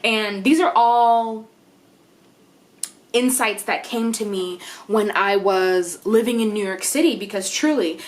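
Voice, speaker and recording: A woman speaks straight to her viewers in a relaxed, conversational motivational vlog. Her tone is earnest and encouraging, and her pitch sits in the middle range. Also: slow pace. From United States. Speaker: vlogger. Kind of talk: motivational talk to camera.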